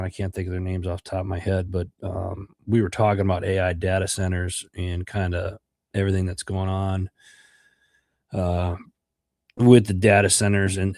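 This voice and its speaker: Speaking in a low-pitched, darkish voice, a middle-aged American podcast host sounds congested from a cold. His livestream chat rambles, packed with fillers and repeated words. The studio sound is clean, with no echo.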